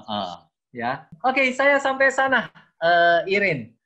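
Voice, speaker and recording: A man's voice: high voice, huge pitch swings, slow, pushed and bright. A man in his sixties, a theology teacher, giving a chatty, self-mocking personal testimony to a youth group and slipping into English phrases. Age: 60s. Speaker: guest speaker, theology teacher.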